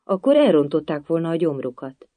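A storybook reader voicing a curious, polite little girl who asks many questions, raised higher and louder. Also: sing-song, dry recording, natural voice. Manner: eager questioning, timid at times.

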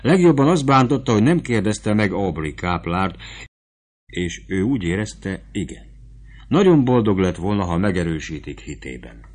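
Casting: low-voiced male narrator, steady audiobook reading. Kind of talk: scripted narration.

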